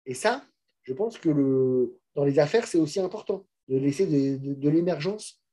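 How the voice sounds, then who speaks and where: A man's voice: fairly high pitch, lively intonation, normal speed, warm tone, slightly rough. A middle-aged French man speaking frankly and casually to students in a master class, with many restarts and fillers. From France. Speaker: managing director and guest speaker.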